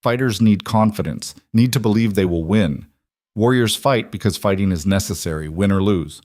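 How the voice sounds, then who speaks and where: A man voicing a huge scarred male fighter who talks slowly and gravely, with a heavy accent and broken grammar. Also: fairly low pitch, a little mellow, no echo, studio quality, natural voice. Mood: solemn.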